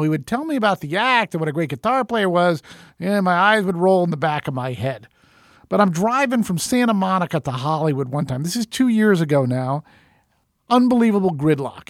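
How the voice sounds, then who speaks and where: A man with a fairly high voice for his sex rambles through a story on his podcast. He talks in a loose, animated way, swears without a second thought and acts out his own thoughts as he goes. The recording is dry and close, with no room sound. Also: no echo. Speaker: podcast host. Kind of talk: casual storytelling monologue.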